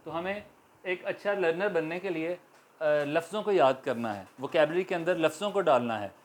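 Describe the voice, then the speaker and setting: Guy, urdu speaker, teaching english grammar, slow and patient, spells out letters and repeats words. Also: fairly high pitch. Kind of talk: spoken grammar lecture.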